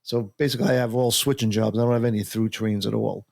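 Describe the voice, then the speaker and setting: A man chiming in on a casual podcast with quick, jokey asides. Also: on the low side, steady tone, vocal fry, darkish tone, no room sound, clean studio sound.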